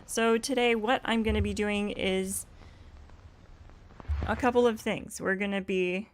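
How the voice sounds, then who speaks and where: A woman with a scratchy, hoarse voice chatting casually and explaining in a rambling way as she hosts a game livestream. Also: medium pitch, steady tone, measured pace. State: hoarse from swollen throat. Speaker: live streamer, host.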